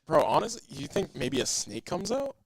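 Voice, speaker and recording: Hyped young dude co-casting, husky voice that jumps all over, keeps saying bro. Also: male voice, fairly high pitch, normal speed, no echo. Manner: excitable, casual, says "bro" a lot, laughs often. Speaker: esports co-commentator. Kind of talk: color commentary.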